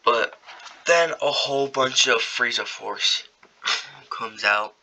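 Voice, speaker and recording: A man's voice: mid-range voice, takes it slowly, sharp tone, poor audio. A young man casually improvising a story, rambling and slangy, with many fillers.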